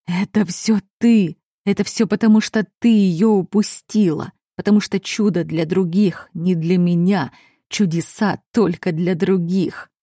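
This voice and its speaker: A grief-crazed nobleman father shouting threats and accusations, as a woman reader voices him in a storybook reading. The voice stays dark and mellow, pitched fairly low. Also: normal speed, dry recording, studio quality. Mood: grieving rage.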